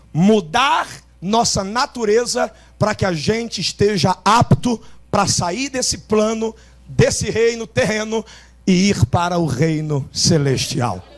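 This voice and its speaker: A man with a Carioca accent preaching a revival sermon, shouting with great force and dropping now and then into quieter asides. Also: sits high. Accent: Carioca Portuguese. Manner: shouts with great intensity, swinging between loud bursts and softer asides. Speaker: pastor. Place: outdoor rooftop church service.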